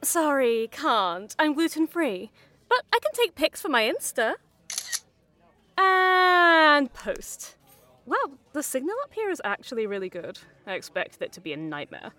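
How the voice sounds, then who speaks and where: Woman as a smug vain podcaster, haughty, fairly high lively voice, dry close sound. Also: unhurried, no echo, heavily acted. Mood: breezy. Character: vain self-important woman true-crime podcaster. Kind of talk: fiction podcast drama.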